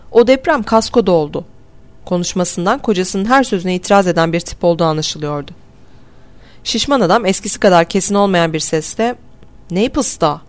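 A woman reading a novel aloud as a steady, measured audiobook narration. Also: lowish voice. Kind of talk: scripted narration.

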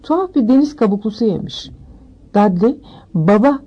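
Woman reading an audiobook, low voice. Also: expressive, moderate pace, warm tone, dull audio. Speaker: audiobook narrator.

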